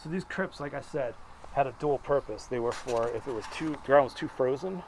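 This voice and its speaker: A man hosting a casual night-time paranormal investigation, talking hesitantly and calling out repeated questions. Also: a little fast. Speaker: ghost hunt investigator and host. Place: small stone cemetery crypt at night. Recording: noisy location sound with vehicle rumble.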